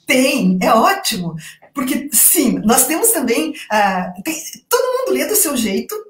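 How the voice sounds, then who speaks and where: A woman literature professor from Brazil, speaking in a talkative, animated conversational way with a thin, cracked, reedy voice. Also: high-pitched, a little slow. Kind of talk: lively conversational interview. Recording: roomy echo.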